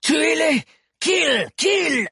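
A man's voice: fairly high pitch, animated, gravelly, slightly rough, no room sound, studio quality, pitched above the performer's own voice, exaggerated voice. Man playing a grating giant tattooed brute chief. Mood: savage commands. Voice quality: grating, broken pidgin speech. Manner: slow, drawn-out, bellowing. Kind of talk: audiobook character voice.

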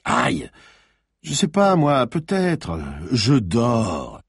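A man's voice: mid-range voice, huge pitch swings, extremely slow, creaky, slightly rough, dry recording, clean studio sound, heavily acted. A man voicing a drowsy young man who grumbles short answers from half-sleep. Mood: grumbling.

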